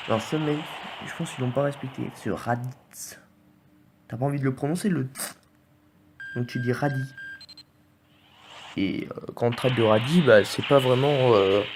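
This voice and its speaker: A man giving live commentary on his game pulls in an excitable, joking way, often swearing and talking straight to his viewers. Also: mid-range voice, moderate pace, long pauses. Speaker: gaming video host. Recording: clear background noise.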